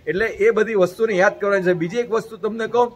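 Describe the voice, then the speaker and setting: High-voiced man giving an earnest message. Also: fairly even intonation, quick pace, husky, low-quality recording. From Gujarat. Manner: preachy, repeats points in long lists. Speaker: interview guest.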